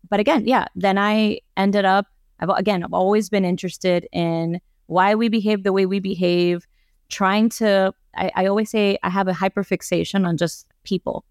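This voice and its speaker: Woman in her 30s from miami, gravelly voice, explains stuff patiently, says like a lot. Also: fairly low pitch, no echo, studio quality. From Miami, United States. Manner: thoughtful, explanatory, peppered with "like". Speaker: guest psychologist. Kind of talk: podcast interview.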